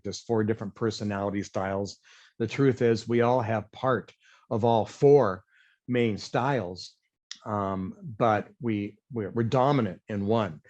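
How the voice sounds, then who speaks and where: A man presenting a sales and marketing training session, energetic but deliberately slowing his speech to explain. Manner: energetic, self-described high-wire talker; deliberately slowed, explanatory pace. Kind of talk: webinar presentation. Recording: dull lo-fi webinar audio.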